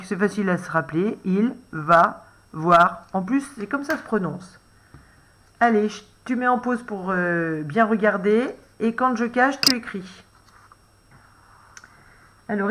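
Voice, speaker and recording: Patient, unhurried French woman teacher guiding young children through a dictation letter by letter. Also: medium pitch. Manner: gentle, explains letter by letter, reminds to pause the video. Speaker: first-grade teacher.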